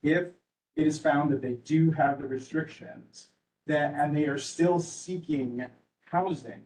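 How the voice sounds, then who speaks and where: A man answering questions at a community meeting, halting with many fillers. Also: fairly high pitch, fairly even intonation, a little mellow, reverberant, distant mic, low-quality recording. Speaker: shelter services representative.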